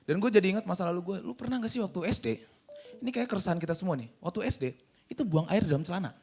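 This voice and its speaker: High-pitched gravelly man doing stand-up. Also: very fast. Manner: animated storytelling with acted-out dialogue. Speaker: stand-up comedian. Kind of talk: stand-up comedy set. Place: comedy stage before a live audience. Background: audience laughter.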